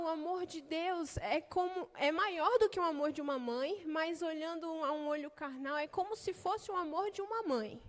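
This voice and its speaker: High-voiced Brazilian woman preacher. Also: big-room sound. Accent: Brazilian Portuguese. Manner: chatty, conversational, with frequent tag questions and light laughs. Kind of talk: sermon with opening prayer.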